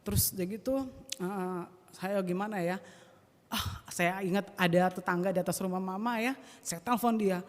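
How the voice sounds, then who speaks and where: A woman's voice: medium pitch, fairly even intonation, moderate pace. Woman telling an emotional testimony. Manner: emotional storytelling, acts out the quoted dialogue. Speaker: church member giving testimony. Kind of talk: spoken testimony at a church prayer meeting. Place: church hall. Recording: long hall reverb.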